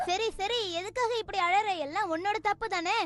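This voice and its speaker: A playful, reassuring cartoon boy with a very high voice, performed by a woman. He teases his friend lightly. Faint music plays underneath. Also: moderate pace, fairly bright tone. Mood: teasing. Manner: teasing, reassuring. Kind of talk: animated cartoon dub acting.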